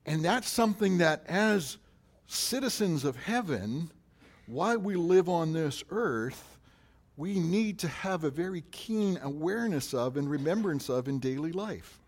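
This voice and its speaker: A pastor preaching a sermon, asking questions in a rising voice and answering them more quietly. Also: male voice, fairly high pitch, expressive, measured pace.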